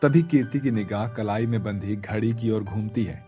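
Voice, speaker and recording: A man narrating a cartoon story in a measured, storytelling manner. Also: fairly low pitch, warm tone, faint music behind.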